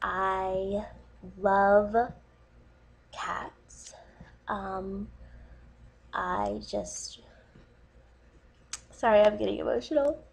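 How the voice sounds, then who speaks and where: A man's voice: high-pitched, creaky, a bit bright, slight background noise, voice pushed up, exaggerated voice. A man voicing an overemotional young woman who gushes tearfully about cats, in a breathless, gushing manner.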